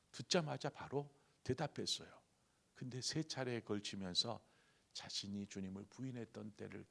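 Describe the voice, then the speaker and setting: A man's voice: mid-range voice, vocal fry, sharp tone. A middle-aged man preaching an early morning sermon, telling a story and voicing quoted lines, building to emphatic peaks. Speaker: pastor.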